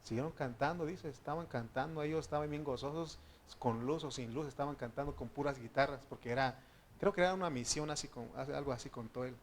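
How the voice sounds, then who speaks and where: A man's voice: mid-range voice, a little fast, a little hiss or hum. A man with a Mexican Spanish accent, a pastor giving a conversational sermon with anecdotes and then praying fervently. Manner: conversational preaching with anecdotes, rising to fervent prayer. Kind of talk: sermon with closing prayer.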